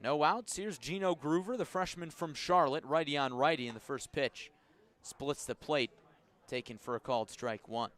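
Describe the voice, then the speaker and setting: Live on the radio, a male announcer handles baseball play-by-play, calm and even between pitches, then building excitement as plays unfold.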